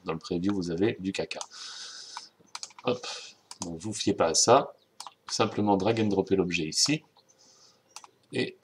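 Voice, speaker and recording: A man with a French accent giving a casual, chatty software tutorial, talking straight to viewers and correcting himself as he goes. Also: deep voice, a little hiss or hum. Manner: informal, chatty, self-correcting, addresses viewers directly. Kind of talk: screen-recorded software tutorial.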